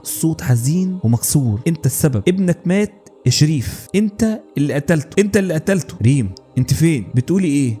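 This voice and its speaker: A man with an Egyptian accent narrating a first-person horror story in a tense, scripted delivery. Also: mid-range voice. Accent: Egyptian Arabic.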